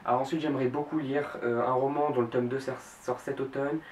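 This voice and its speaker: A young man in his late teens talks through his reading plans in a casual home vlog, pausing often on fillers and correcting himself. His middle-pitched voice sits back from the mic in an echoing room, with a faint hiss underneath. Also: level tone. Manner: hesitant, frequent fillers and self-corrections. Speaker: book blogger. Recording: roomy echo, mic at a distance, faint background hiss.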